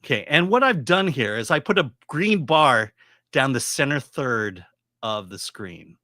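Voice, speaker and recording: A middle-aged man giving casual movie commentary as a reviewer, explaining his opinions in a halting, opinionated way. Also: medium pitch, sing-song, pushed and bright, dry recording, studio quality. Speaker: film reviewer.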